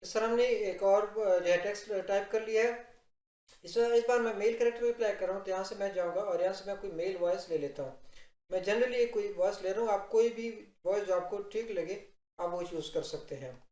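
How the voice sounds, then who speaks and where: A man giving a software tutorial, explaining step by step and addressing viewers directly in an instructional narration. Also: high-pitched, a little fast. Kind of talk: instructional screen-recording narration. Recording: roomy, echoing voice-over.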